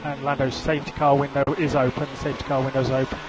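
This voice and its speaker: A race engineer speaks quickly in a flat, mid-range voice, relaying clipped, businesslike instructions over team radio and repeating key calls. The link is very noisy, with engine and vehicle noise in the background.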